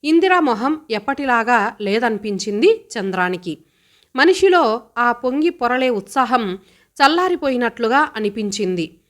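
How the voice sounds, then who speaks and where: Female audiobook storyteller, expressive steady read. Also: fairly high pitch, moderate pace. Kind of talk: audiobook narration.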